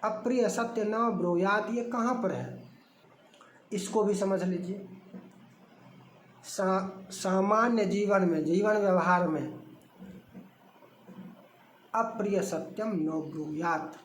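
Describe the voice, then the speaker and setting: Slow, high-voiced man lecturing on scripture. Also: echoey room, a little hiss or hum, low-quality recording. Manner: emphatic, repetitive, rhetorical questions. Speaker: religious commentator. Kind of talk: spoken discourse on scripture.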